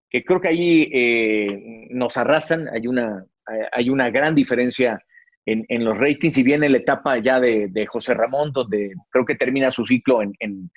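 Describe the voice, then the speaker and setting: In an interview, a middle-aged man who works as a sportscaster tells reflective stories about his career, with many fillers and restarts. His voice is mid-range. The recording is dry and slightly dull, without echo.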